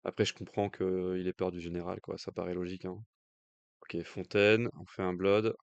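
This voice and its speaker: A man's voice: sits low, level tone, moderate pace, vocal fry, dry recording, lo-fi sound. A man with a French accent giving casual live commentary on a card game match, thinking aloud with hesitant fillers. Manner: jokey aside in accented English. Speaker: stream commentator.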